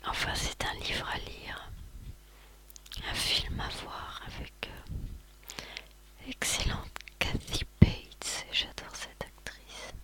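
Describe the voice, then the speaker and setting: Someone speaking in a soft ASMR library whisper, recounting things as a host in a halting way with pauses. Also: rough recording. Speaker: ASMR video host recounting favourite books and films.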